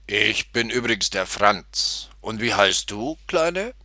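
A man's voice: fairly low pitch, animated, takes it slowly, sharp tone, no echo, clean studio sound, exaggerated voice. Man doing Franz, a jolly older drinker. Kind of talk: storybook reading.

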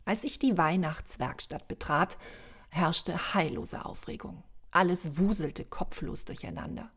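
A woman tells a first-person story in a wry, unhurried way. She speaks very slowly, and her voice sits a little low. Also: lively intonation, creaky, husky.

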